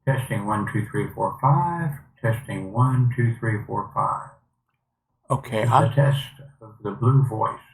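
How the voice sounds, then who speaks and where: A man in his eighties reading a test count, his voice run through an AM radio filter, in a halting way. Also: lowish voice, gravelly, roomy sound, soft background music, rough recording. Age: 80s. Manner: halting, restarts phrases.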